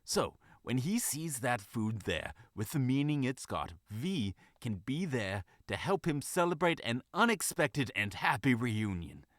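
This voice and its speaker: A man voicing an older, motherly female fox who gossips in a hushed, folksy way. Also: medium pitch, sing-song, unhurried, hardly any pauses, no room sound, clean studio sound. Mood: scheming.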